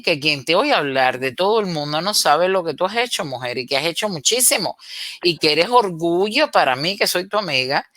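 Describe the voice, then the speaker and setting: Interview host, bright crisp tone, dry close sound, long admiring sentences. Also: mid-range voice, no room sound. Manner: warm praising recap, running long sentences. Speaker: interview host and friend of the guest. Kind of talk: conversational interview.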